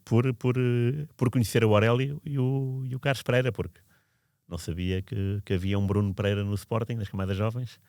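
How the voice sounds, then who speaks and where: Low-voiced man. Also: steady tone, brisk, a little mellow, dry recording, studio quality. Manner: reflective, meandering, frequent restarts. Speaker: podcast storyteller. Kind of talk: casual spoken recollection.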